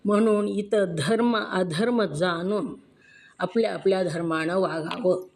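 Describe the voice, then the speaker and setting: Woman, Marathi accent, devotional discourse, unhurried, emphatic, rhetorical questions. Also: on the low side. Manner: slow, earnest, emphatic preaching with rhetorical questions. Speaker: religious discourse reader. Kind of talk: devotional scripture exposition.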